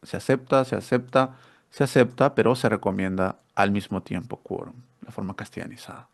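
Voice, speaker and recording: A man's voice: lowish voice, brisk, gravelly. A man teaching an online spelling workshop, explaining step by step with rhetorical questions and repeated words.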